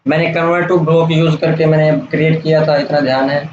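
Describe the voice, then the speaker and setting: A man giving a casual, step-by-step software tutorial over a screen recording, checking in often with the listener. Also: fairly high pitch, flat delivery, normal speed. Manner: casual, explains step by step with "theek hai" checks. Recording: roomy, dull lo-fi sound with faint hiss.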